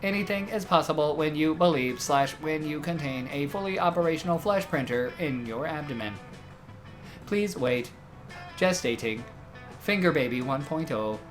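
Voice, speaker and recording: A literal-minded robot voiced by a man for a tabletop game. He speaks in stilted, formal phrases with pedantic deadpan, over faint background music. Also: fairly high pitch, normal speed, natural voice. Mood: mechanical announcing. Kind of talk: in-character tabletop game role-play.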